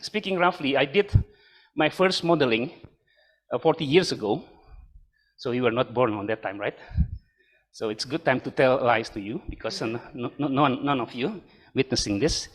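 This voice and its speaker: An older man from Indonesia giving a university lecture in a room, halting with many fillers and joking asides. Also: a little high. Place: lecture room with a live and online audience.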